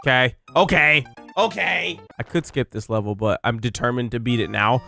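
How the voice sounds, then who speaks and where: A man's voice: medium pitch, normal speed, creaky, bright, forceful tone, faint music behind. A man giving exasperated, heavily sweary reaction commentary while playing video games. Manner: ranting, heavy swearing, exasperated. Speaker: gaming video creator. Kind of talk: profane gameplay reaction commentary.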